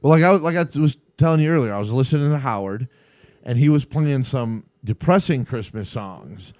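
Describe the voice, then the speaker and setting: Animated storytelling man, dry sound. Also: medium pitch, normal speed, no room sound. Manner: animated storytelling, laughs often. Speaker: podcast host. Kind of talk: casual live podcast chat.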